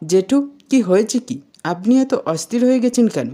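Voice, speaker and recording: A woman's voice: fairly high pitch, expressive, moderate pace, mellow, voice pushed up. A woman reading the lines of a stern, determined housewife in a retold TV serial, firm and threatening.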